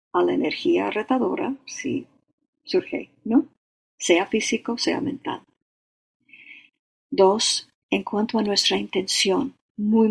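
A meditation teacher giving a dharma talk and leading a guided meditation, slow and halting, often checking in with short tag questions. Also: mid-range voice, gravelly, husky. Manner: slow, halting, with frequent "¿no?" and "o sea".

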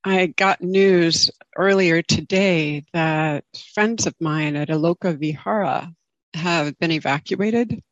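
A woman speaks slowly as a meditation teacher, in a close, dry recording. Her delivery is gentle and reflective, with a halting, informal flow as she addresses her group. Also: on the low side, no echo, muffled recording. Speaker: meditation teacher giving a talk. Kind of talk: informal dharma talk. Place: online group video call.

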